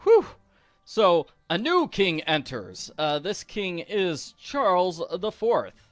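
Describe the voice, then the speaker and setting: Over faint game music, a man hosting a video game walkthrough jokes around in casual, playful commentary. He speaks slowly in a high, very animated voice, and the recording is dry.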